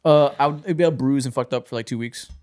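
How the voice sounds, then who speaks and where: A man hosting a casual podcast, talking fast with a congested, blocked-nose sound like a broken nose. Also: medium pitch, darkish tone. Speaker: podcast host. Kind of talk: casual banter.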